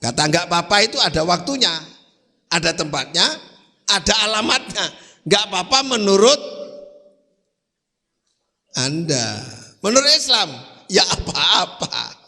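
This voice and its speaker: A man's voice: high voice, sing-song, unhurried, gravelly, long pauses, sharp tone. A man preaching a sermon, quizzing his congregation with rhetorical questions. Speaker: Islamic preacher. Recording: long hall reverb.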